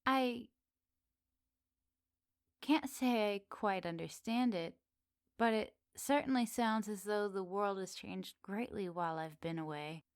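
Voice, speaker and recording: A woman voices an ancient woodland witch for an intimate ASMR roleplay, speaking slowly and coyly at a medium pitch with teasing, expressive turns and gentle pauses. Her tone is clean and she sounds curious and amazed. There's no echo, just a dry sound with very little room.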